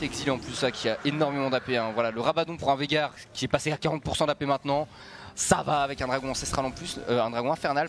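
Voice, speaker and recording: Very fast-talking male esports caster. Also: on the high side, background noise. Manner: esports caster delivery, fluent rapid-fire explaining. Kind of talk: live esports commentary with technical analysis.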